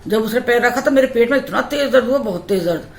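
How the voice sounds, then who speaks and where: A woman vlogger telling her birth story in a lively, repetitive way. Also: on the high side, fast. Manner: animated storytelling with many repetitions. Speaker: mom vlogger. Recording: echoey room with faint ambient noise.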